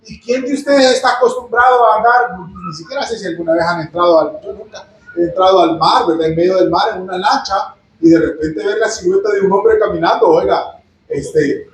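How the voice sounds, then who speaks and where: A man's voice: high-pitched, roomy sound, a little hiss or hum, low-quality recording. A man preaching a conversational sermon. He reads Bible verses aloud, explains them in a chatty way, keeps checking in with his listeners, and adds humorous asides. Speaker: pastor.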